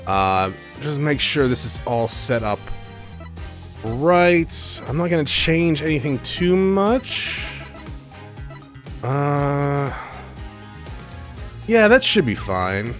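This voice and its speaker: A man's voice: fairly high pitch, big pitch swings, extremely slow, pauses often, a bit bright, soft background music. A man hosting a let's play with casual, rambling commentary, often questioning himself. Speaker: let's player and host.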